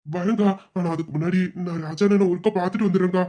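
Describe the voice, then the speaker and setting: A woman's voice: on the low side, fairly even intonation, fast, mellow, voice pushed down, natural voice. A woman voicing a dutiful, deferential young man who meekly agrees to every order in an audio drama. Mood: obedient. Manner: meek, obedient replies.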